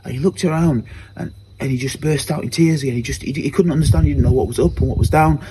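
A man's voice: medium pitch, quick pace, background noise. A man giving a spoken personal testimony at church, telling it earnestly and repeating phrases as he goes.

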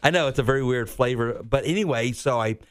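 An American man co-hosting a radio morning show in casual, chatty, animated, self-deprecating talk. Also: medium pitch, fast.

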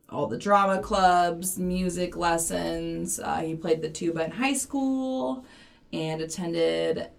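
A woman co-hosting a podcast in casual chat, relaxed and playful, telling facts with many ums. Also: lowish voice, gravelly, far from the mic. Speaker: podcast co-host.

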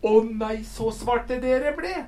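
Man doing a tiny mischievous storybook girl, very high, sharp, mocking.

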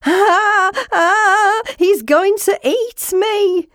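A woman's voice: high voice, fairly even intonation, takes it slowly, a little mellow, no echo, studio quality, voice pushed up. A woman voicing Lim, a nervous little male frog who cries out in panic. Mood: panicked.

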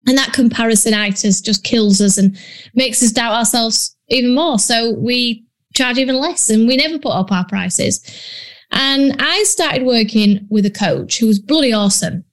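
Speaking at a moderate pace in a fairly high voice, this Yorkshire woman coaches business on her own casual podcast. She's blunt and chatty, with a broad Yorkshire English accent, frequent ums and plenty of British slang.

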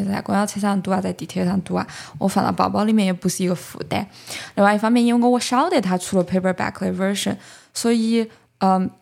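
A podcast host with a Sichuanese accent talks casually about books, explaining ideas and slipping in English words. Her mid-range voice is a little mellow and has vocal fry.

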